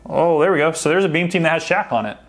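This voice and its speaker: This is casual unboxing commentary from a man opening sports card packs, his voice fairly high and his pace quick. Soft background music plays as he chats and thinks aloud while going through the cards.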